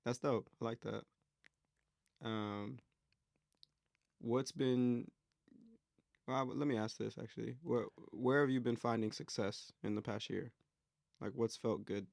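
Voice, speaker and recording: A man's voice: mid-range voice, fairly even intonation, a little slow, creaky, pauses often, darkish tone, dry recording, studio quality. A young man hosting a casual interview, easygoing and reflective, laughing often as he asks questions. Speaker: interviewer, host.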